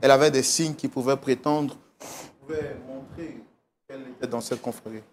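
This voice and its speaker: A man's voice: medium pitch, steady tone, moderate pace. Male TV host, mid voice, solemn and declamatory, light noise on the track. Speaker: talk show host. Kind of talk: TV talk show hosting with preaching.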